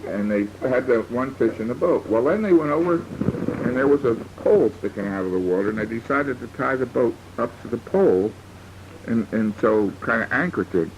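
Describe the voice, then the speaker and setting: An older man, a grandfather, improvising a rambling bedtime story for a child and pausing to explain words. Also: medium pitch, expressive. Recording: dull lo-fi home tape with faint hiss.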